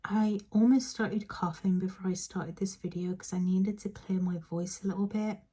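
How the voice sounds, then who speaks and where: A woman giving a pick-a-card tarot reading, talking softly and slipping into a whisper, often checking in with "okay?". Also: medium pitch, steady tone, moderate pace, breathy edge. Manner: soft, partly whispered, intimate address to the viewer; repeats phrases and checks in with "okay?". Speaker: tarot reader.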